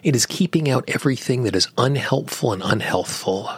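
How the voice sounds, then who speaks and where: A man guiding a relaxation meditation, speaking in slow, soothing phrases with long pauses and a husky, sometimes whispery voice. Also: medium pitch, expressive, dry recording. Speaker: meditation guide.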